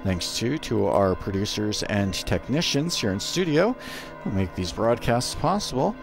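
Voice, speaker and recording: A man doing live radio commentary from a studio, interpreting a speech in short, halting phrases. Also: lowish voice, very animated, vocal fry. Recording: music audible behind. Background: music.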